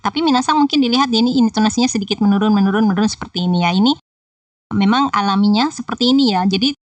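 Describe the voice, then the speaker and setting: A woman's voice: medium pitch, rapid-fire, dry recording, recorded from a distance. A woman teaching Japanese in a patient, explanatory tutorial voice-over that talks straight to viewers. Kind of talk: screen-recorded tutorial explanation.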